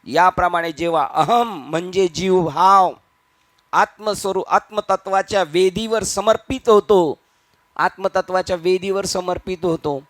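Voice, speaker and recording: A man preaching a devotional discourse, his voice sitting high for a man. He talks in an animated way, slipping into quoted voices and firing off rhetorical questions. The sound is close and dry, with no room around it. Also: unhurried, no echo. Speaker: kirtan preacher.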